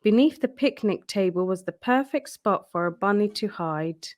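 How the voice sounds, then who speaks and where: A woman of medium pitch narrates a children's storybook aloud, giving it an expressive, carefully measured storyteller's reading.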